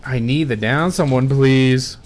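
A man's voice: mid-range voice, measured pace, a little mellow, soft background music. A young man streaming a game, rambling and swearing as he talks to his chat in casual commentary.

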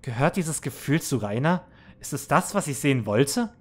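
A man's voice: medium pitch, animated, moderate pace. A man reading game text aloud and commenting in a let's play, earnest and somber, with small restarts.

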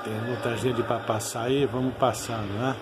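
A man's voice: medium pitch, little pitch movement, normal speed, very noisy. A Brazilian man giving informal, nostalgic commentary as a channel host over old fight footage, often ending phrases with tag questions.

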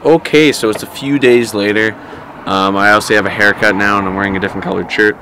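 A man's voice: fairly low pitch, steady tone, fast, background noise. A man talking casually to camera for his car vlog, rambling and correcting himself as he goes, recorded on a camera-mounted shotgun mic. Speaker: car vlogger.

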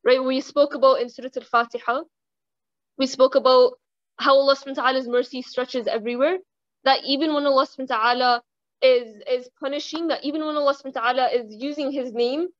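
Young woman w a high voice giving a chatty islamic reminder, asks questions a lot, dull dry recording. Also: steady tone, dry recording. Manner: chatty, asks the audience questions, recites Arabic quickly. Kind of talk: casual religious talk.

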